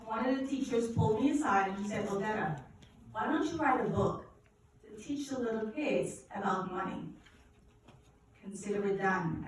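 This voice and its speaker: A woman from Guyana, giving an energetic money seminar at a church and drawing responses from the audience. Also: medium pitch, slight background noise. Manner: energetic, asks the audience questions, preacherly. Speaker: finance educator speaking at a church event. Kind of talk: live seminar talk with audience call-and-response. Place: large echoey church hall. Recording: echoey hall from far off.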